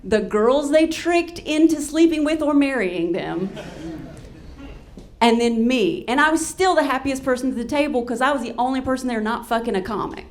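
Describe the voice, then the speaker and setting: A woman comedian telling a comic story on stage in a brash, profane, animated way. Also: high-pitched, moderate pace.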